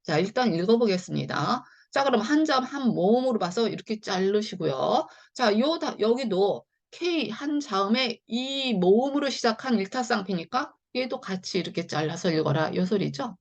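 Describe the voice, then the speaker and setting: A woman's voice: mid-range voice, animated, normal speed, few pauses. A woman teaching English phonics in a chatty, step-by-step online lesson. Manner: chatty, repeats "자" and "네" often, explains step by step.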